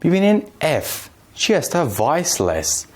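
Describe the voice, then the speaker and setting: Lively man teaching English. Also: fairly high pitch, slightly rough. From Afghanistan. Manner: slow, drawn-out delivery with Dari explanations. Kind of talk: bilingual classroom lesson.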